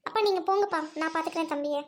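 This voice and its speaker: A woman's voice: extremely high pitch, rapid-fire, a little hiss or hum. A woman playing a bossy little big sister. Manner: bossy, teasing. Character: bossy young girl, older sister. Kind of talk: comedy skit acting.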